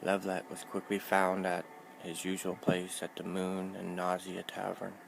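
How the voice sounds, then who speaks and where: A man reading a fantasy book aloud in a measured, steady narration. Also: sits low, gravelly, a little hiss or hum, poor audio. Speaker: reader. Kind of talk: audiobook narration.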